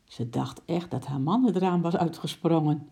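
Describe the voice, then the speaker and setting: A woman reading a children's story aloud in a lively, expressive narration. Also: sits low, normal speed, gravelly.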